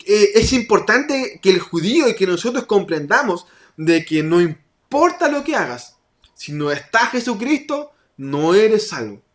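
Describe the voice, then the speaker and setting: A young man preaching a sermon, conversational, with quick asides and occasional laughter. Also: sits high, a bit bright.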